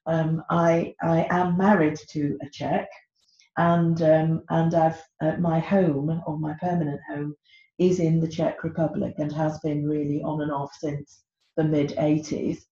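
This podcast interview features a middle-aged author from Britain whose speech is hesitant and full of ums. Her deep, mellow voice stays level and measured, though the recording sounds echoey, dull and lo-fi.

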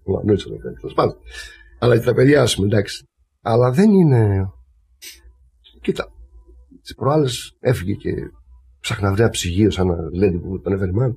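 Man from crete, lowish voice, rambling anecdotes, casual interview chat. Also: expressive, vocal fry, long pauses, a little mellow, slightly rough. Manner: rambling anecdotal storytelling with laughs. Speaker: lyra player, guest.

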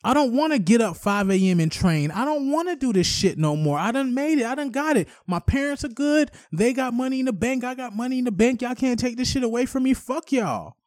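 A man's voice: extremely high pitch, animated, fairly quick, few pauses, dry recording, studio quality, voice pushed up. A man putting on the voice of a defiant, fed-up young woman athlete as he mocks her, cursing as she goes. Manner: mocking, profane.

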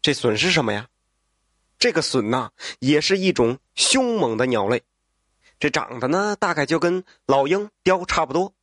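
Lively male folk-tale storyteller. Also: on the high side, moderate pace, no room sound, clean studio sound. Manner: lively storyteller asides to listener. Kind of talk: folk tale narration with voiced characters.

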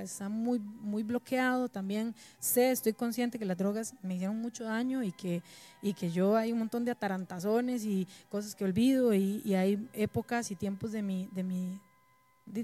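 A woman's voice: fairly high pitch, mellow. A woman, talking candidly as a guest and often ending her remarks with a questioning tag. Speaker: guest musician and mother. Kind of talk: candid personal talk.

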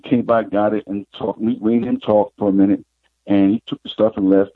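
A middle-aged man with a husky, fairly low voice recounts his life as a psychic guest, unhurried and reflective. The sound is thin and tinny, like a phone line, and quite dry. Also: steady tone, no room sound. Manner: unhurried, reflective, retells scenes with quoted dialogue. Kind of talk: personal storytelling in an interview.

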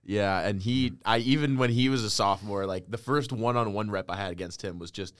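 A man in his twenties, a football player guest, telling relaxed stories full of "like" fillers in a casual podcast chat. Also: on the low side, brisk, clear, resonant tone, no room sound, studio quality. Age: 20s. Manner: relaxed storytelling, many "like" fillers.

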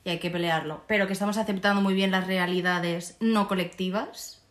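A woman's voice: on the low side, fairly even intonation, brisk, reverberant. A young woman with a Spain Spanish accent, chatting casually as a podcast co-host and mixing in English words. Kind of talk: casual chat.

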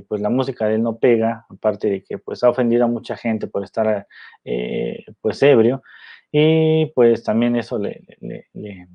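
A man talking casually about films, rambling with many fillers and tag questions. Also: fairly low pitch. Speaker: film commentator. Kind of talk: casual film commentary. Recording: dull lo-fi recording.

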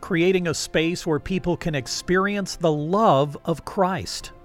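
Radio host, male, slightly higher voice, measured delivery, light music under him. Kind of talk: scripted radio host narration and interview.

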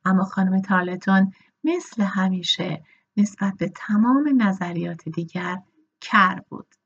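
A woman reading a novel aloud as an audiobook narrator, steady and measured. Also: medium pitch, lo-fi sound, a little hiss or hum.

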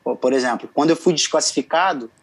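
A man's voice: fairly high pitch, quick pace, breathy edge, low-quality recording. A young man, a singer, telling stories casually as an interview guest, laughing often. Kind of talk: casual storytelling.

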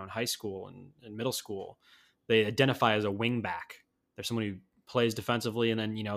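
A man's voice: lowish voice, fairly bright tone. Rambling man on a sports podcast. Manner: rambling, thinking aloud with fillers. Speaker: podcast co-host. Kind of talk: casual sports chat.

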